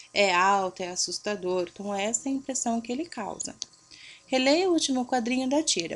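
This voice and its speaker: A young adult woman teacher going over homework answers for children, patiently checking in and drawing out stressed syllables to show them. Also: on the high side. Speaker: primary school teacher.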